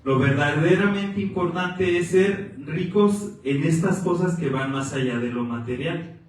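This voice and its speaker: A man preaches an earnest sermon in a fairly high voice, slow and deliberate. He drives his points home by repeating them. His voice is picked up from a distance, booming around a very echoey church. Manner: earnest, exhorting, repeats phrases for emphasis. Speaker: pastor. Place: church sanctuary.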